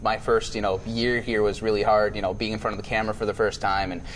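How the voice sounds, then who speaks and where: An American man, a TV news anchor, chatting informally and haltingly on air. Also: lowish voice, level tone, fairly bright tone, slight background noise, rough recording. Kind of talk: casual on-air chat.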